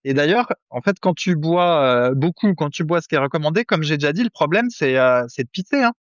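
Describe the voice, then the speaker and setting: A man's voice: on the high side, expressive, brisk, no room sound, dull audio. A man co-hosting a nutrition podcast, chatting casually with many fillers and jokey asides. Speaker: podcast co-host. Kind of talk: casual chat.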